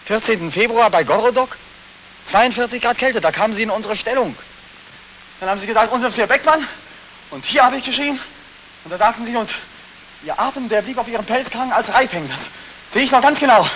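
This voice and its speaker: An actor playing a haunted soldier back from war, tormented, swinging between strained cries and hushed whispers, in 1940s film acting. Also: male voice, on the low side, lively intonation, moderate pace, pauses often, low-quality recording. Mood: agitated. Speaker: war returnee Beckmann. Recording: hissy old 1949 film soundtrack.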